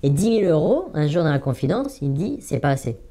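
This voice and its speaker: Man in his 40s, anonymous witness, halting delivery, warm dark tone, repeats himself for emphasis. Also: fairly high pitch, big pitch swings. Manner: hesitant, many fillers, repeats words for emphasis. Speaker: anonymous former trading student giving testimony. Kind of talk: interview testimony.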